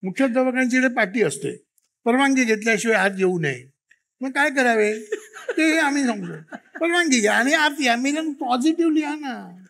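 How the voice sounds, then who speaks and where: A man tells lively anecdotes, slipping into quoted voices and laughing along the way. His voice sits high and carries a gravelly edge. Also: normal speed. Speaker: children's author and interview guest. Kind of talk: storytelling interview talk.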